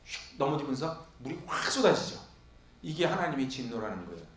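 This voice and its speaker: A man's voice: medium pitch, very animated, brisk. A male pastor preaching an expository sermon, firing questions at the congregation and answering them himself. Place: church sanctuary. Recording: echoey church hall.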